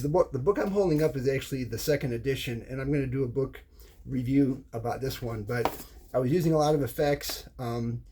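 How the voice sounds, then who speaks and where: An American man, middle-aged or older, explains something off the cuff as a hobbyist presenter, haltingly, often repeating words and starting phrases over. His voice sits in the mid range and sounds mellow. There's a little background noise.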